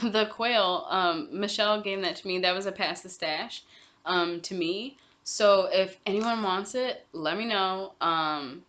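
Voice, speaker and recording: Young woman, lowish voice, casual rambling chat, lots of ums, cross-stitch vlogger. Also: a bit bright. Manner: chatty, rambling, many ums and self-corrections.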